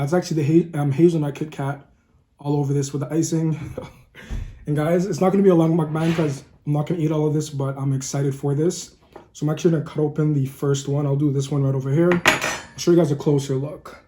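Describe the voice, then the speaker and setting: Upbeat man with a mellow, higher voice. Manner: upbeat, keeps calling viewers "guys"; talks while eating, savoring sounds. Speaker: food vlogger. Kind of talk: casual cooking vlog with tasting.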